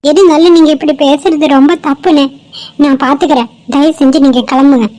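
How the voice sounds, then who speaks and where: A woman's voice: sits high, fairly even intonation, moderate pace, darkish tone, close to an everyday voice, rough recording. A woman voicing a kind young woman who earnestly pleads to help an injured stranger. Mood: pleading.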